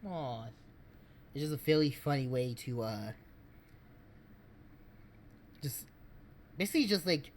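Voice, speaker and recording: A man streaming, giving casual game commentary in a rambling, halting way. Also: mid-range voice, expressive, slight background noise.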